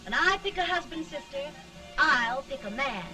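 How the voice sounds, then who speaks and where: An actress in an early talkie film playing a self-assured, coquettish young society belle with a poised, tart delivery. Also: female voice, sits high, lively intonation, normal speed, bright, forceful tone, distant mic, full character voice. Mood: self-assured, coy. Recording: 1930 film soundtrack with music behind.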